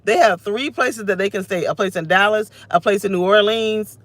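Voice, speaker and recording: A thirty-something vlogger vents in an off-the-cuff rant from inside her parked car, interrupting herself restlessly while holding her phone camera close. She has a scratchy, medium-pitched voice at normal speed, with a dry recording.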